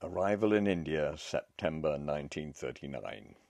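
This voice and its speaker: A man narrating a story in a measured, scripted audiobook reading. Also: rumbling low, sing-song, gravelly, darkish tone, dry recording.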